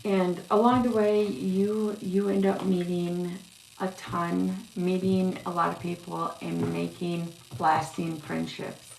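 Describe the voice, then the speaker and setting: Woman, lowish gravelly voice, halting live-stream reader, echoey room. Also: level tone, a little mellow. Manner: halting, filler-heavy, yawning. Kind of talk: casual live-stream reading. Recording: echoey room with faint noise.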